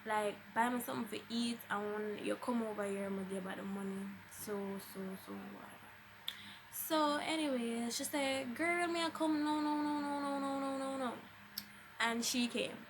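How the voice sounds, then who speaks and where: A young Jamaican-accented woman with a slightly high voice narrates a personal story for her vlog while noise fills the background. She keeps it casual but dramatic, moving into Patois and acting out what others said.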